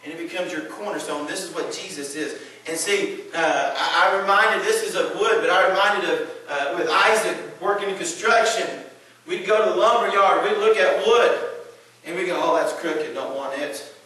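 A man preaching a sermon, reading Bible verses aloud and building to shouted emphasis. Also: sits high, normal speed, heavy reverb, distant mic, rough recording.

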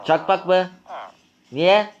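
A man's voice: high-pitched, fairly even intonation, slow, muffled recording, voice pushed up. A man voicing a touchy, hot-headed young man in a Minecraft role-play, indignant and argumentative.

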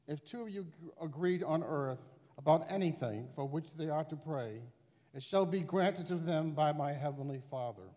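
A man's voice: fairly high pitch, darkish tone. An older man reading the Gospel as clergy in a formal liturgical style, with cathedral echo in a church. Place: large church interior. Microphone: gooseneck lectern microphone.

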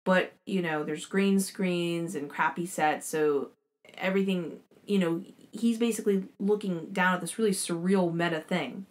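A woman's voice: fairly low pitch, fairly even intonation, normal speed. Enthusiastic young woman rambling through a recap. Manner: enthusiastic, rambling, swears casually. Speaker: show host reviewing a series. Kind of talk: casual recap and commentary.

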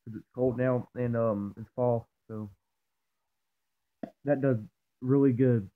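A young man with dip tucked in his lower lip, talking in a loose, profane, rambling way in a casual vlog. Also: steady tone, takes it slowly. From Georgia, US. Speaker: vlogger. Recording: tinny phone-like audio.

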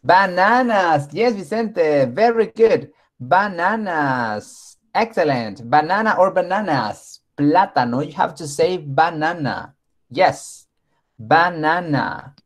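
Slow, patient male teacher. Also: fairly high pitch, lively intonation. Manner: slow, patient, praising often. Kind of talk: online class for young children.

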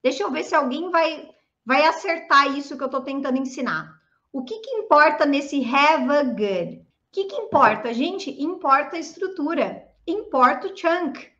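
Bright lively Brazilian woman teacher. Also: sits high, dull audio. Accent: Brazilian Portuguese. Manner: lively, chatty, demonstrates phrases slowly. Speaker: English teacher. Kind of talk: online pronunciation lesson.

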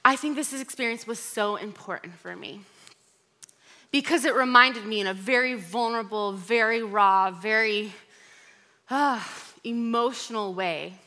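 A woman pastor with an American accent giving a conversational sermon, telling a candid personal story with animated moments. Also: on the high side, measured pace.

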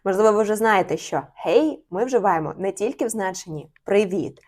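A woman's voice: mid-range voice, lively intonation, a little mellow. Woman teaching Swedish phrases. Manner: clear, repeats words slowly for learners. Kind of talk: online language lesson.

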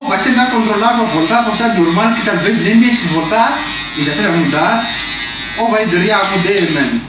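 A young Mozambican man with a high voice talks slowly and thoughtfully, mixing in bits of English slang. He was recorded from a distance in a very echoey barbershop. Electric clippers buzz loudly behind him. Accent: Mozambican Portuguese. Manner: reflective, mixes in English slang. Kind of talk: casual chat. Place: barbershop, indoors. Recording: echoey room from far off with noise.

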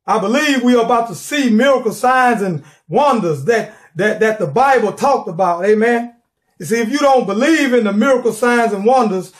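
A middle-aged man preaching a sermon from his living room, fervent and repeating words as he builds, calling for responses. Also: high-pitched.

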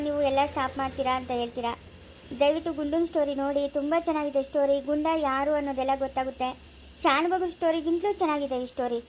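A woman's voice: high voice, darkish tone, slight background noise. A woman hosting a channel who keeps pleading with her viewers for support in a casual appeal. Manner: pleading, repetitive. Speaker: channel host.

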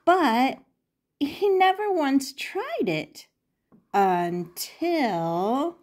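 An older woman reads a picture book aloud to small children the way a grandmother might, her high voice expressive and emphatic. She stretches out her words, repeats phrases, and asks the listeners questions.

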